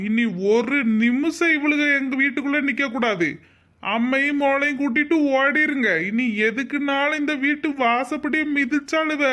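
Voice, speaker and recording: Woman voicing a cruel threatening cartoon husband, high voice, harsh. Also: a bit bright.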